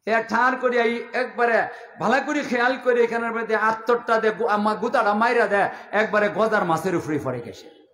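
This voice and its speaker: A man's voice: sits high, normal speed, a bit bright, echoey room. A man preaching a story-filled sermon with a Habiganj Bengali accent, in a passionate, chanting cadence full of repetition. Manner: impassioned, chanting cadence with repeated phrases.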